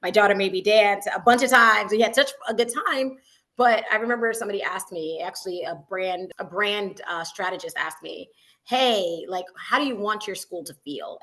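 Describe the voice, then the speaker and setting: A woman's voice: mid-range voice, fairly bright tone. A woman who founded a school, a guest in an interview, talking casually and bubbly, with lots of "like" and "you know what I mean", from her school building over a video call.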